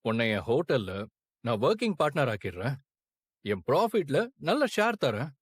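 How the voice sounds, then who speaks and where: A man playing a husky, persuasive hotel owner. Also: medium pitch, sing-song, moderate pace, no echo, clean studio sound. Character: generous young man, Jeeva, a hotel owner.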